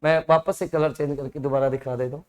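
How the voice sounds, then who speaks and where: A man's voice: medium pitch, steady tone, quick pace. A male physics teacher with an Indian accent, explaining exam problems step by step in an online lesson and checking often whether his students follow.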